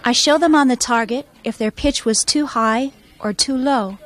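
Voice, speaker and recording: A woman music teacher explaining her methods in a calm, measured instructional voice-over. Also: on the high side.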